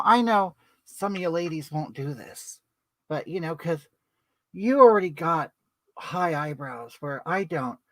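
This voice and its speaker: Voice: medium pitch, fairly bright tone, dry recording. A performer playing a brash older woman who chats through a makeup livestream and greets viewers by name. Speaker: livestream host. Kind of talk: comedic livestream character.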